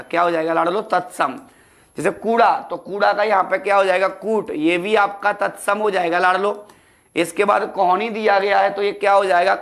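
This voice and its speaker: High and fairly bright, the voice belongs to a man teaching Hindi for an exam. Calling his pupils "beta" and "ladlo", he constantly fires questions at them and supplies the answers himself.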